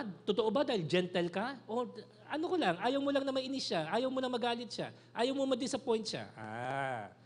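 A middle-aged male pastor from the Philippines, preaching an animated sermon in a mix of Tagalog and English. He calls out for amens and drops to a soft, low voice on key phrases.

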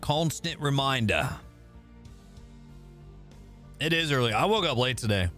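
Animated man chatting on a game livestream. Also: mid-range voice, fast talker, soft background music. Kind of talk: casual livestream chat over gameplay.

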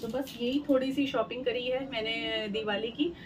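Slightly high-voiced, with a steady tone and normal speed, a woman in her thirties vlogs casually at home, presenting things one after another amid many fillers. The phone recording, made in a bright room and later on a balcony, has noticeable background noise.

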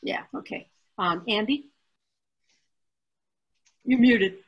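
A woman chairing a council meeting over a video call, brisk and joking as she moves through votes. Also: a little high, slightly rough, muffled recording.

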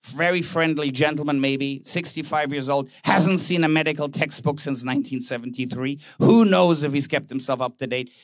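A man with a fairly high voice delivers a keynote speech at a conference. He tells anecdotes and acts out short exchanges between characters. The sound is dry and close, picked up on a stage microphone. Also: fairly bright tone, no echo. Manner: anecdotal, plays out dialogue in quick voices. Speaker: conference speaker, banker. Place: conference hall.

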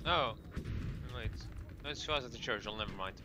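An excitable man reacts quickly in a casual game chat, often breaking into laughter. His voice sits at a middle pitch, and clear game noise runs underneath. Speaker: gamer on voice chat.

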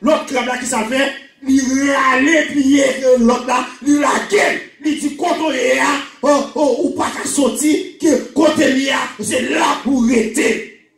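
A middle-aged man with a Haitian Creole accent, preaching a sermon into a handheld microphone in a small church hall, often shouting and repeating phrases for emphasis. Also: extremely high pitch, fairly even intonation, measured pace, gravelly, faint music behind. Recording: echoey church room, camera from a distance.

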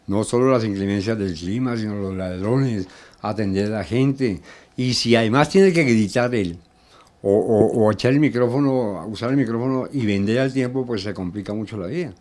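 A man in his sixties with a Colombian accent, answering casually and colloquially in an interview, often halting and repeating words. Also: lowish voice, darkish tone. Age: 60s. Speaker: interviewee, street crier and announcer. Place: small home studio room. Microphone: handheld reporter microphone.

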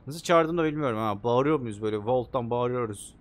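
A young man playing a video game, commenting excitedly and joking as he talks to the characters on screen. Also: mid-range voice, brisk. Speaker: gaming YouTuber. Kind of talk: let's play commentary.

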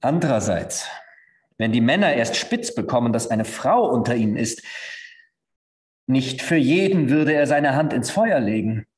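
A man, a stage actor, reading a story aloud with expressive storytelling at a live reading. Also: medium pitch, measured pace. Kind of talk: literary reading at a live event. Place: theatre stage. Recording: echoey hall.

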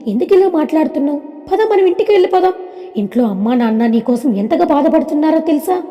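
A woman's voice: high voice, expressive, quick pace, highs cut off, faint music behind. A woman voicing a devoted young man who talks earnestly and pleadingly about his missing fiancée, in a storybook with long reverb.

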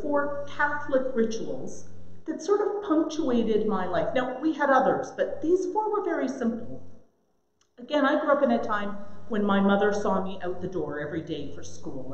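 A middle-aged woman giving a reflective talk to parents on family faith rituals and telling personal stories about her own childhood. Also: medium pitch. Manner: warm storytelling with personal anecdotes. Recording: echoey room, slightly muffled.

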